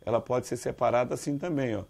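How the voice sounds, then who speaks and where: Brazilian male teacher with a gravelly, creaky voice, quizzing students as he explains. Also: mid-range voice, fast. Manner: lively, quizzes listeners with rhetorical questions; calls students "dear". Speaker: Portuguese teacher. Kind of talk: exam-prep grammar lesson.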